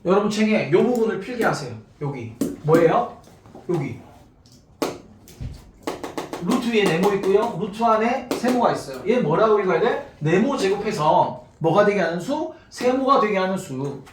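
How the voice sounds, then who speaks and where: A man's voice: sits high, very animated, moderate pace. Man teaching math in an echoey classroom. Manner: casual, constantly checks students follow. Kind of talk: classroom lecture. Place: classroom with students. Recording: echoey room, mic far off, faint noise.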